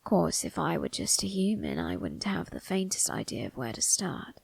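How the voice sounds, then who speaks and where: Woman as the Undertaker, gravelly whispering reaper. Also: low-pitched, huge pitch swings, dry recording, full character voice. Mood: amused, menacing. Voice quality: breathy, gravelly, often dropping to a whisper. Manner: slow, theatrical, teasing, morbidly musing. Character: sinister, amused retired grim reaper undertaker, ageless male. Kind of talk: ASMR roleplay monologue. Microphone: close microphone, dry.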